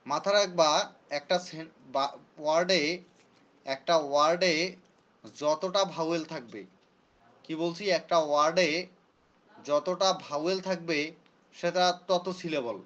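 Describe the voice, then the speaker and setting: A man's voice: fairly high pitch, a little slow, long pauses, fairly bright tone, lo-fi sound. A man teaching a classroom lesson who repeats his points and quizzes his students. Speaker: English teacher. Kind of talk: classroom lecture.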